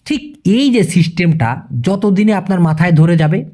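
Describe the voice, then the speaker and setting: A man with a slightly raised voice runs a relaxed spoken language lesson, talking to the viewer like a brother. He explains each sentence step by step and slows almost to a crawl whenever he spells out a new phrase. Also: high voice. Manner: addresses the listener as brother, chatty and colloquial. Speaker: language teacher.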